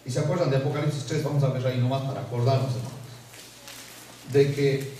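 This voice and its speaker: A pastor preaching a sermon, telling a story with humor and lively delivery. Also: male voice, medium pitch, quick pace, far from the mic, slight background noise. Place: church. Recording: echoey church hall from afar.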